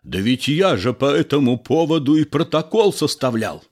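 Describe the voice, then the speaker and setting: A man's voice: mid-range voice, very animated, moderate pace, voice pushed up. A man voicing a sentimental former police officer who exclaims and reminisces. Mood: reminiscing.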